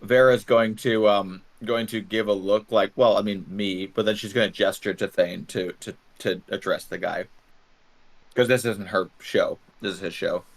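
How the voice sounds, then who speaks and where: A man's voice: fairly low pitch, fairly even intonation, moderate pace. A man chatting casually as a tabletop game player, describing what a character does.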